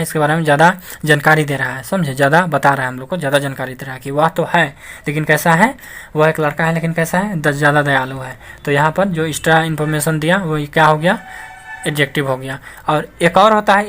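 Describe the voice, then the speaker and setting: A man's voice: fairly high pitch, a bit bright. Patient man teaching grammar. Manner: repetitive, patient explaining with frequent checks of understanding. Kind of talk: classroom-style grammar lesson.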